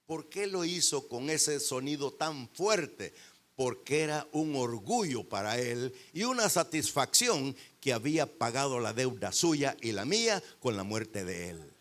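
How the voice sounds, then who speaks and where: Pastor preaching with swelling emphasis. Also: male voice, medium pitch, very animated. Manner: preaching with sudden loud swells and dramatic pauses. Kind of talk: sermon. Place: church. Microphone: handheld microphone.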